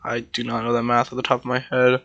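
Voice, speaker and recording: A young Minecraft server player loosely walks through his build at a desk mic, pausing often with ums in an easygoing way. His mid-range voice is bright yet creaky and a touch congested, and the high frequencies are cut off.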